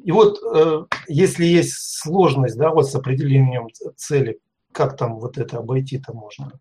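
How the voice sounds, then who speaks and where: Мужчина, зритель шоу, задаёт вопросы ведущим, запинается и подбирает слова. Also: male voice, mid-range voice, normal speed, dark tone, a little hiss or hum. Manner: hesitant, searching for words. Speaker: viewer asking questions. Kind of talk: asking questions on a live call.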